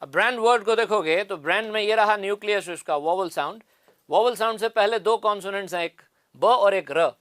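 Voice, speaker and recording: A man with a fairly high voice teaches an exam-prep lesson. He works through each point step by step and asks the class questions he then answers himself. The recording is dry, with no room sound. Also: fairly quick, a bit bright, no room sound. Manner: explains step by step, repeats key answers.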